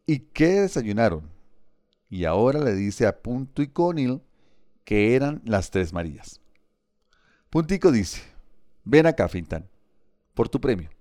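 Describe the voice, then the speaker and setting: A man narrating an audiobook in a measured, vivid storytelling manner. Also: mid-range voice, warm tone, no room sound, clean studio sound.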